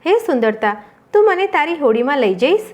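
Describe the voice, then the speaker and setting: A woman voicing Love, a gentle male spirit who pleads for help. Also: sits high, very animated, brisk. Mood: pleading.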